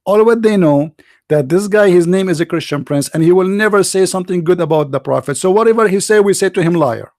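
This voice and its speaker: A man's voice: high voice, fast, a little mellow, dry recording, clean studio sound. A man hosting a live online debate stream, telling mocking anecdotes in non-native English. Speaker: livestream debate host.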